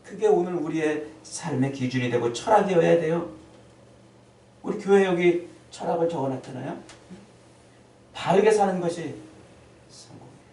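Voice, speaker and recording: A middle-aged man preaching a lively Sunday sermon, often acting out the voices of the people he quotes. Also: a little high, normal speed, pauses often. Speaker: pastor. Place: church sanctuary. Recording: echoey church hall, distant mic.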